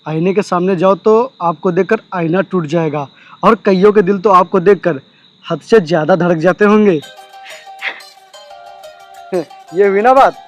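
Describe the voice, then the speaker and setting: A young man playing an eager younger brother-in-law who coaxes and flatters. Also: high-pitched, unhurried, pauses often, faint music behind. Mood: flattering. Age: young adult. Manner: coaxing, flattering.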